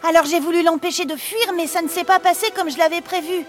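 Male narrator doing high-pitched brave teen girl, storybook, urgent. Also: fairly even intonation, fast talker, faint music behind. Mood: pleading. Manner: pleading, urgent. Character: brave teenage girl, daughter of a hunter.

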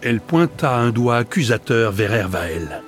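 A man's voice: medium pitch, very animated, measured pace. Male audiobook narrator, dramatic storytelling, faint music and rain.

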